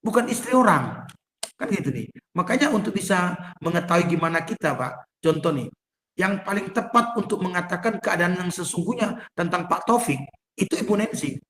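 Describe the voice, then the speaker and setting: Chatty pastor preaching in an echoey room. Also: male voice, high-pitched, expressive, moderate pace, fairly bright tone, slight background noise. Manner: conversational, addresses listeners as "Pak" constantly. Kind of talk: sermon. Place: home, online prayer meeting. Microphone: video call.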